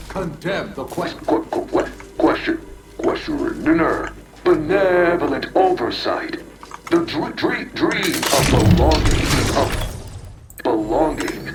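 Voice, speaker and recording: A man voicing a scheming corporate AI machine that glitches, stuttering and repeating broken syllables. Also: on the high side. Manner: stammering broken-up words in bursts. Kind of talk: video game character dialogue. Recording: roomy game audio over loud music.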